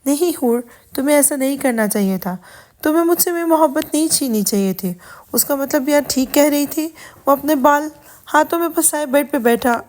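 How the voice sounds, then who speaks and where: A woman narrating a romantic audio novel in a steady storytelling manner. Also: high voice. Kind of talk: scripted narration.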